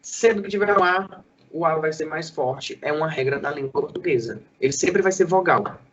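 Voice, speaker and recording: A male school teacher giving a Portuguese lesson, sounding out syllables slowly and quizzing a student. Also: a little high, slightly rough, dull audio. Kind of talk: lively classroom lesson for sixth graders.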